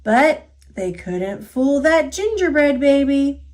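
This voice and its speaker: Slow, lively, high-voiced American woman storyteller. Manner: expressive, deliberate. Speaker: storybook reader. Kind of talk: read-aloud children's storytelling.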